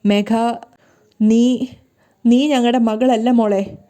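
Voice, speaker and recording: A woman voicing a sorrowful middle-aged father who talks slowly, solemnly and carefully. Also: fairly high pitch, steady tone, dark tone.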